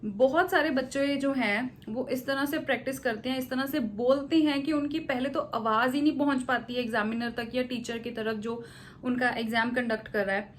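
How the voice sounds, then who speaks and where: A woman from India giving IELTS speaking tips in Hindi mixed with English, often checking in with her students and acting out slow sample answers. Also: sits high, fairly even intonation, a little hiss or hum. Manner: mixes English phrases into Hindi, repeats "theek hai" checks. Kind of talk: casual spoken tutorial.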